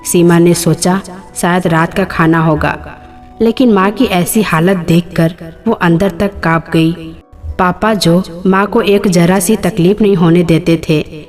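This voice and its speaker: A woman narrating a scripted emotional story in a steady, measured way. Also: lowish voice. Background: faint background music.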